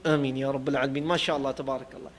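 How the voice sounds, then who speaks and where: A man teaching Quran recitation in a tajweed class, encouraging his students and demonstrating the verses in a slow, drawn-out chant. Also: medium pitch, flat delivery, a little hiss or hum. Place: classroom in Jeddah.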